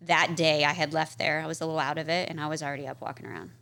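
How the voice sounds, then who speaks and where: A woman telling her story as a guest in a casual interview, chatty and full of "like" and "um", lively when she acts out what people said. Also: deep voice, rapid-fire, gravelly, slight background noise. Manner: chatty, peppered with "like" and "um"; animated, acts out quoted people. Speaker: podcast guest. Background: interviewer's short backchannels.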